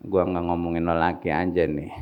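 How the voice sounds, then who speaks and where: A man preaching a sermon as pastor, in a joking, punchy way with sudden loud rises, with in his speech. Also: low voice, flat delivery, a little fast, clear, resonant tone, lo-fi sound. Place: church hall with congregation.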